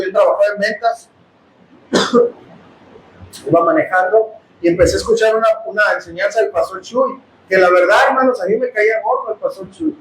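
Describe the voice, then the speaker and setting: A man with a Mexican accent preaching a sermon testimony, impassioned and often bursting into shouts as he addresses his brothers. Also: sits high, roomy sound, slight background noise, poor audio. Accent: Mexican Spanish. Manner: impassioned, bursts into shouting, calls listeners "hermanos". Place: house of prayer.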